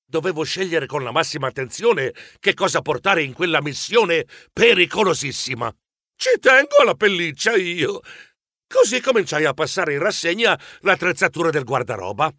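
A man narrating a children's audiobook in first person, animated and a little jittery. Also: fairly high pitch, moderate pace, no echo, studio quality.

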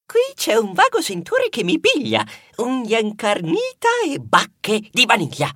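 A man's voice: very high voice, huge pitch swings, unhurried, sharp tone, no room sound, studio quality, pitched above the performer's own voice, exaggerated voice. A man voicing a small playful ghost in a storybook, speaking in sing-song rhymes. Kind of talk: storybook read-aloud.

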